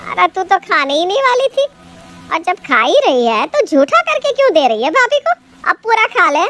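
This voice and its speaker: A woman voicing a blunt, sharp-tongued mother-in-law who scolds her daughter. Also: very high voice, sing-song, moderate pace, faint music behind, pitched above the performer's own voice, heavily acted. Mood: scolding.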